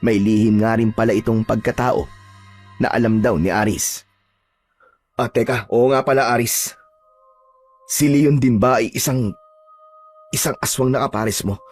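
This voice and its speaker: A man's voice: medium pitch, fairly even intonation, measured pace, long pauses, a little mellow, soft background music. A man narrating a first-person horror story and speaking his own lines bluntly and warily, in a tough, streetwise way. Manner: blunt, tough-talking, wary, with short laughs.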